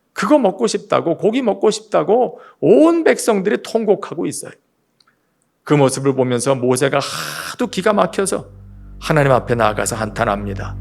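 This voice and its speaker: A man's voice: on the high side, creaky. A man preaching a broadcast sermon as pastor, addressing listeners directly and asking them many rhetorical questions.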